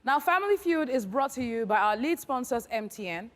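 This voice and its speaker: A woman's voice: on the high side, lively intonation, fairly quick. A woman with a Nigerian accent presenting a game show to a studio audience, projecting with an exuberant, teasing manner. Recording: reverberant studio hall, crowd noise. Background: studio audience and noise.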